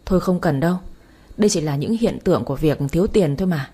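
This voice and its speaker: A woman's voice: low-pitched, fast talker, husky. A woman doing a sweet-talking lazy husband. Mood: wheedling. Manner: coaxing, flattering. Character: middle-aged man, smooth-talking lazy son-in-law.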